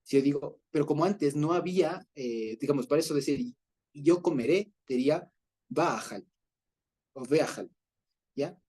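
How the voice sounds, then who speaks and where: A man leading an informal Bible study, explaining patiently, checking in with his listeners and pausing on fillers as he searches for words. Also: a little high, a little mellow, slightly rough. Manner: explanatory, often checks in with a questioning "ya?"; hesitant, with fillers and restarts.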